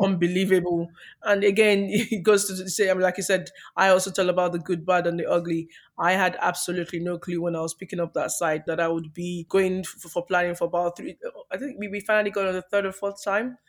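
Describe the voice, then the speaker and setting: A woman answers questions in a casual interview. Her pitch moves little, giving an even delivery. She is upbeat but hesitant, often repeating words mid-sentence. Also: fast talker. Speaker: podcast guest, property developer.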